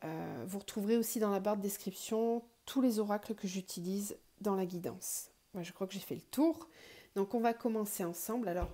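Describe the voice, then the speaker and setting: A woman hosting a spiritual card reading for viewers, slightly ill, her voice cracking at moments, explaining gently with pauses. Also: mid-range voice. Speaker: tarot card reader and online guidance host.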